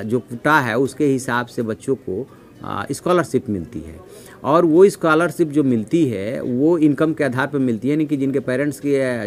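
Middle-aged guy at a newsroom desk explaining the story, steady mid voice, lots of uhs between figures. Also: mid-range voice. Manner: measured, reads figures from notes, frequent fillers. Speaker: news analyst. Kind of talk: explanatory news commentary. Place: newsroom office, indoors.

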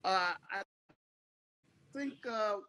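A man's voice: sits high, pushed and bright, clear, resonant tone. Man speaking over a choppy video call. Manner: halting, repeats words, supportive. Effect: remote video call link, audio breaking up. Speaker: city council member. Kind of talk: remarks at a council meeting.

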